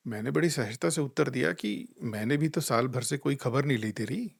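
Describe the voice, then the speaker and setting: A man giving a calm, reflective spiritual talk. He tells gentle anecdotes and acts out the voices he quotes. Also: mid-range voice, normal speed, creaky, breathy edge. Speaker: spiritual life coach.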